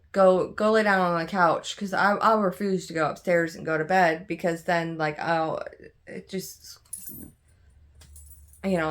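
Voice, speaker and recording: Tired, rambling woman vlogger. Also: lowish voice. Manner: rambling, candid, many fillers and restarts. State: tired, yawning. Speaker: cross stitch vlogger. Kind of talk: casual chat to camera.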